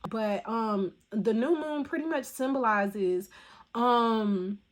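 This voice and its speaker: A woman's voice: fairly high pitch, takes it slowly. A woman tarot reader talking casually in a spiritual vlog, with a voice still recovering from the flu and rambling, filler-filled speech. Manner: rambling, filler-heavy talk.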